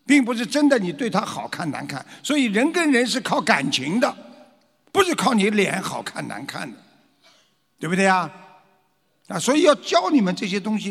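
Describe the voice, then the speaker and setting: A man lectures followers with lively, swooping intonation, often acting out frightened voices and firing rhetorical questions at the room. His voice sits high for a man and carries a gravelly edge. It rings with a long hall reverb. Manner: animated, acts out scared voices and rhetorical questions.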